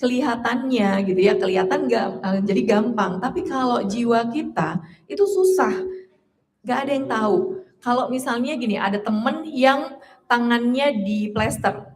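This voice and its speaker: A woman in her late thirties leads a casual workshop talk, her voice sitting a little on the high side. She chats with the audience in a loose, friendly way, laughs easily, and slips into little acted voices when she quotes people. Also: animated, moderate pace. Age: 30s. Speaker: trainer.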